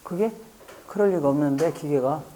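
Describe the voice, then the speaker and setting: A man's voice: on the high side, normal speed, mellow, a little hiss or hum. A man teaching a live class to exam students. He repeats key phrases, keeps checking that everyone is following, and jokes lightly with the students. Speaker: exam prep lecturer. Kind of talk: classroom lecture.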